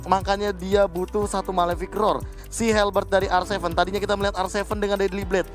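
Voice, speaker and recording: A man gives conversational esports analysis from the commentary desk. His voice sits high for a man, and music is clearly audible behind him. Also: little pitch movement, quick pace.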